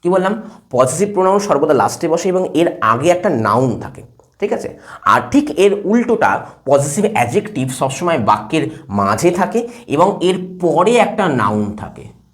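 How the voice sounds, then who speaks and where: A man teaches English grammar, writing on a board as he goes. His pitch swings widely and brightly, and his delivery is animated. He keeps stopping to ask his class whether the point is clear. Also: normal speed. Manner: lively, asks checking questions again and again. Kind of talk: classroom lesson at a whiteboard.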